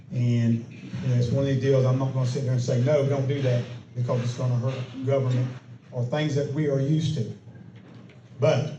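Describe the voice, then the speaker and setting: A man's voice: medium pitch, highs cut off. An older man with a Southern US accent, speaking at a candidate forum in a folksy, rambling way full of fillers and restarts. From Polk County, Florida, USA. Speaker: incumbent county commissioner. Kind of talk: campaign speech and forum answer. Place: meeting room at a club event. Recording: echoey room, distant mic, some noise.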